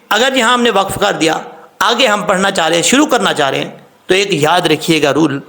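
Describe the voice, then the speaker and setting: A man teaching Quran recitation rules, patiently explaining step by step, spelling out sounds slowly and repeating rules about common mistakes. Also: sits high, gravelly, pushed and bright. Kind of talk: tajweed lesson.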